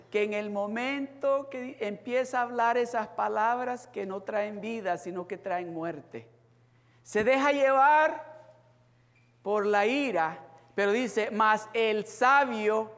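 A man's voice: very high voice, a bit bright, big-room sound. A man preaching a sermon as pastor, stressing key words and acting out the people he quotes. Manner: preaching with rising emphasis, acts out quoted people.

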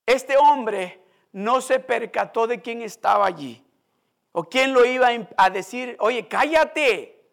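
A man's voice: very high voice, a little slow, gravelly. A male pastor preaching a sermon, speaking emphatically and addressing the congregation directly.

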